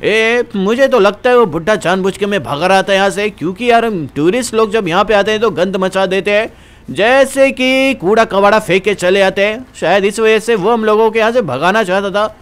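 Chatty young man, high clear voice. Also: a little fast. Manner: chatty, informal, addresses viewers. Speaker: gaming channel host. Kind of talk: casual game commentary with role-play.

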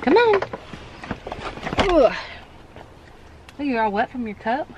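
A young woman vlogging casually at home, chatting to her viewers and switching to a high sing-song voice for her baby. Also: a little slow, a little mellow, lo-fi sound, slight background noise. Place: at home, then by car at a park.

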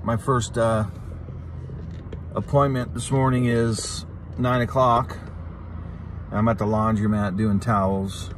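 A middle-aged man with a fairly low voice speaks candidly into a phone held at arm's length in a parked car. He is informal and confiding, halting and repeating himself as he goes. There is light background noise. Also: flat delivery. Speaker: vlogger, channel host. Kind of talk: casual, candid talk to the camera. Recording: noisy in-car phone recording.

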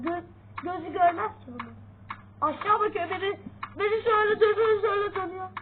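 A woman giving casual gameplay commentary in a jumpy way, yelping at sudden sounds. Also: very high voice. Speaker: gaming channel host. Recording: tinny phone-like sound, faint noise.

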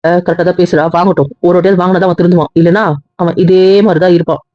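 A man's voice: high voice, level tone, very fast, no room sound, highs cut off, lightly acted. A man playing a blunt male friend who talks matter-of-factly.

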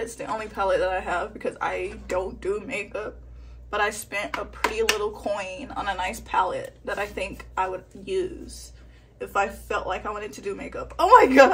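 A woman's voice: mid-range voice, fairly bright tone. A tipsy woman chatting casually through a makeup tutorial, rambling, poking fun at herself and swearing freely. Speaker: vlogger doing a makeup tutorial.

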